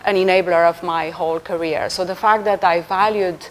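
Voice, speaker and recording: A woman from Romania, a UN official speaking as a guest in a radio interview, measured and formal with frequent ums. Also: lowish voice, fairly even intonation, a little hiss or hum, low-quality recording.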